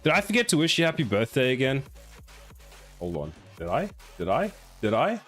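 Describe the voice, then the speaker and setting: A South African man in his forties chats casually with viewers during a live stream while working on a game, reading the chat aloud and answering in a rambling, self-mocking way. His medium-pitched, fairly bright voice swings hugely in pitch at a normal speed, with faint music playing behind him.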